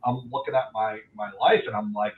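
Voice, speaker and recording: Speaking fairly quickly in a lowish voice, this forties-aged loan officer is interviewed on a podcast. He's open and thoughtful, though his remote connection comes through tinny and echoey.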